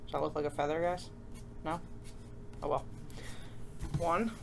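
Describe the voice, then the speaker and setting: With a low, creaky voice and a steady tone, this woman talks a little slowly over background noise. She's the host of a children's craft show, chatting casually through the tutorial, joking at her own expense, and frequently checking in with her viewers.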